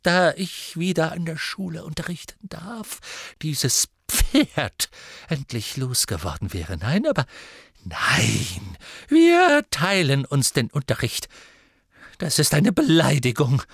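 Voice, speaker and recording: A man's voice: medium pitch, slightly rough, no room sound, studio quality, exaggerated voice. A man voicing a tipsy, resentful older female teacher who talks in a slurred, sulky way.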